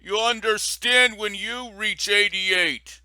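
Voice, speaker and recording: Man putting on a slow, drawn-out old man. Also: sits high, crowd noise. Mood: pleading. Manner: stretches his words slowly. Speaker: scam baiter. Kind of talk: prank call role-play.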